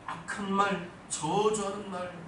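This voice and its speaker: A male pastor giving an emphatic sermon that rises to loud exhortations, in a church sanctuary. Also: high-pitched, level tone, measured pace. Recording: echoey hall, distant mic, noisy.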